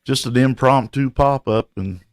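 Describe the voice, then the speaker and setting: A man's voice: mid-range voice, moderate pace, no room sound. A man hosting a live stream in casual chat, laid-back, calling everyone bro, a bit short of breath.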